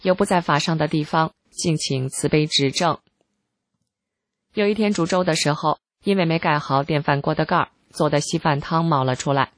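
A reader giving scripted narration of a first-person article in a calm, measured, even way. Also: mid-range voice, no room sound.

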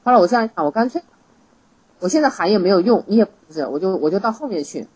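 A woman telling her own story, urgent and repetitive, often re-enacting what she shouted. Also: mid-range voice, animated, quick pace, breathy edge, poor audio. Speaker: interviewee. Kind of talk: emotional first-person testimony.

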